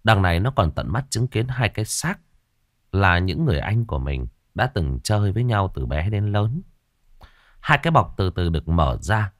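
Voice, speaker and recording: A man narrating an audio story in an expressive manner. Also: lowish voice, no echo, studio quality.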